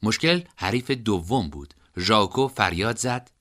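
A man narrating an audiobook in an expressive storytelling manner. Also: fairly low pitch.

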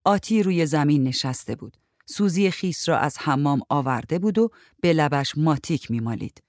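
A woman reading a short story aloud in a calm, even narrating voice. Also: deep voice, dry recording, clean studio sound.

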